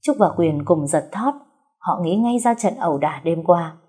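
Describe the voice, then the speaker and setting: A woman narrating a story in a steady, scripted read. Her voice is low, dark and husky. The delivery stays even throughout. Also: normal speed.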